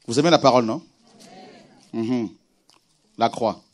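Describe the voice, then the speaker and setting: A man preaching a sermon with animated delivery, moving from quiet scripture reading to shouted exclamations. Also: medium pitch, a little slow. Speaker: pastor.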